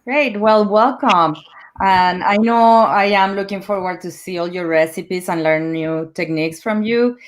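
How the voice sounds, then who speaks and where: A Mexican woman, a native Spanish speaker with a Mexican Spanish accent, hosts an online event and introduces guests in an upbeat way. Her voice is mid-range and unhurried.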